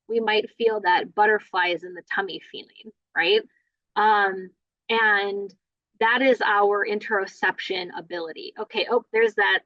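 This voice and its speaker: Bright-voiced woman trainer, conversational. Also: mid-range voice, dry recording, muffled recording. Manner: conversational, many fillers and "right?". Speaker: play therapy trainer. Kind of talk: online training lecture.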